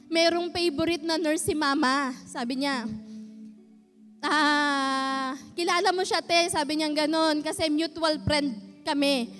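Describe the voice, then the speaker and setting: A woman giving a nervous, halting, earnest personal testimony at a church service. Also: high-pitched, fairly bright tone. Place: church hall. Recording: reverberant church hall.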